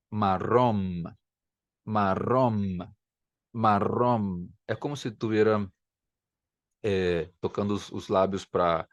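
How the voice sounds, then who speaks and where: In a dry recording, a man with a mid-range, slightly mellow voice films himself at home for an explanatory language lesson. Facing the camera, he patiently repeats words to model their sounds.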